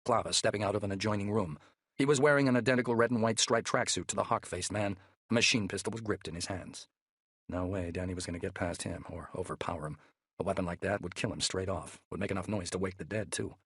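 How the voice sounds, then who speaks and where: A man narrating a thriller audiobook in a measured, steady way, close to the mic. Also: deep voice, husky, dry recording.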